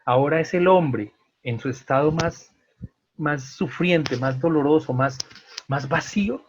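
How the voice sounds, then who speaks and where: A man leading an online Bible study, animated and asking the group questions, with a husky, breathy voice over a video call. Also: a little high, a little slow, dull audio.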